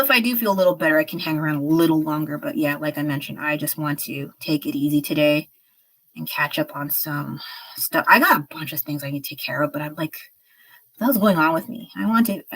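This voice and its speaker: Woman streamer, casual and talkative, slightly unwell, bright tone, lowish pitch. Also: a little fast, rough recording. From United States. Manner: chatty, rambling, frank. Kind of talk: casual livestream chat while painting.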